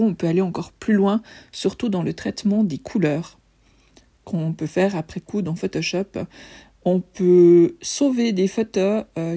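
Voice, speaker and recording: A woman's voice: mid-range voice, warm tone, slightly rough. A woman with a lisp on her s sounds, explaining things informally and conversationally as a photographer presenting.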